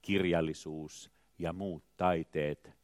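An older man, an artist, speaking in a slow, measured, poetic way, with phrases that swell in emphasis and then trail off quietly. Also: low voice, fairly even intonation, no room sound, studio quality. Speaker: artist, choreographer. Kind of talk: reflective spoken essay with recited poetry.

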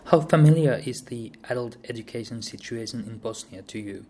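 Male podcast host, measured delivery, hesitant fillers on questions, mid-pitched voice. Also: a little mellow, husky. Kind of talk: scripted intro, then interview questions.

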